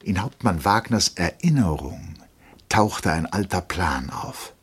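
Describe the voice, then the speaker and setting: A man reading a novel aloud for radio in a measured, dramatic way. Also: low-pitched, sing-song, fairly bright tone, husky. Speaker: narrator.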